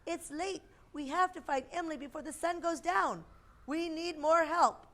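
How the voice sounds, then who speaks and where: Woman voicing a high, worried storybook mother rabbit. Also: steady tone, moderate pace, gravelly. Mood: frantic, worried. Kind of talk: children's storybook read-aloud.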